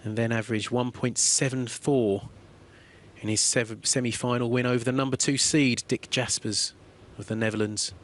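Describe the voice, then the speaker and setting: A man giving calm, explanatory play-by-play commentary on a billiards match. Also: mid-range voice, normal speed. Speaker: sports commentator.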